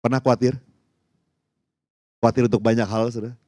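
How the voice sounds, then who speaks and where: A man's voice: medium pitch, brisk, no echo, studio quality. A man, telling stories animatedly and calling the congregation "saudara". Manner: animated storytelling, acting out voices, addressing the congregation as "saudara". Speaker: pastor. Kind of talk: sermon.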